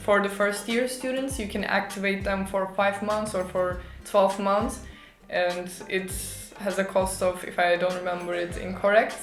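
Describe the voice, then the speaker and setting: A woman's voice: mid-range voice, steady tone, moderate pace. A young woman from Turkey with a Turkish accent, answering interview questions informatively as an international student. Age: young adult. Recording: roomy echo, music behind.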